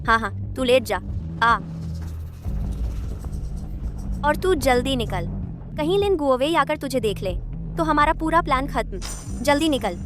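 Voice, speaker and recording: A sly, two-faced schemer whose high voice turns sweet and consoling while she hides her plot. She coaxes and soothes with false warmth. Faint music sits behind her in the dubbed drama. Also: lively intonation, normal speed. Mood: urgent.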